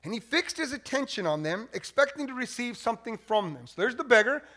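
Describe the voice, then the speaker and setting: A man's voice: extremely high pitch, very animated, a little fast, sharp tone. A man preaching a sermon as pastor, conversational and joking, often repeating words as he restarts.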